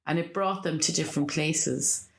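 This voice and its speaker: A woman with an Irish accent, chatting and telling anecdotes in a lilting, animated storyteller's way. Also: sits low, normal speed, gravelly. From Ireland. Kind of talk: casual conversational storytelling.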